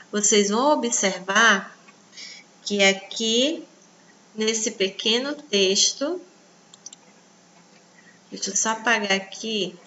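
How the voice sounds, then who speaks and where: Slow, bright-voiced woman teacher. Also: medium pitch, dull audio, slight background noise. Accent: Brazilian Portuguese. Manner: slow, patient, pointing at the page. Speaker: primary school teacher. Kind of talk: recorded online lesson for children.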